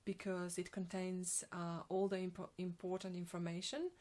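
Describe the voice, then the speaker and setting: A woman in her forties from Slovenia, with a Slovenian accent, answering interview questions about her design work with many pauses and ums. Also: on the low side, little pitch movement, darkish tone. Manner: hesitant, many ums and restarts. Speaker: graphic designer, guest.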